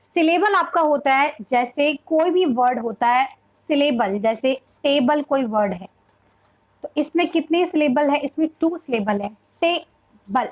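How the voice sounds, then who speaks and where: A woman teaching parents how to help children read, explaining step by step and slowly sounding out English sentences in an Indian accent. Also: high voice, poor audio. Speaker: preschool teacher. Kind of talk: reading lesson for parents.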